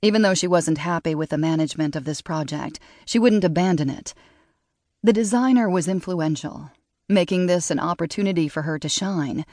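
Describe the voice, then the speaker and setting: A woman narrating an audiobook in a measured, steady way, recorded close on a studio mic. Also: on the low side, no echo. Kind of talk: scripted narration.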